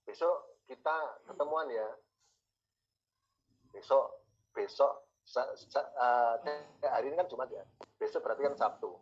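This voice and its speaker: A man's voice: medium pitch, normal speed, highs cut off, soft background music. A man teaching a university class, repeating key words and asking his students questions. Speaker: university lecturer. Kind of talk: classroom lecture.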